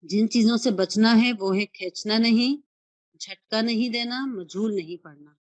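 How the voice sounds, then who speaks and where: A woman's voice: fairly high pitch, no room sound, rough recording. Woman, Pakistani Urdu accent, Quran lesson teacher, patient and repetitive, dry recording. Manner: patient, repeats rules and demonstrates syllables slowly. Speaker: tajweed teacher.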